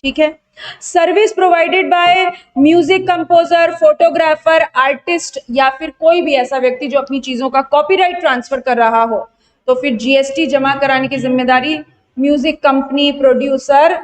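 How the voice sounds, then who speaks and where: A young Indian woman teaching an online tax revision class, asking her students quick questions and answering them herself, mixing Hindi with English terms. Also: sits high. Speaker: GST exam tutor.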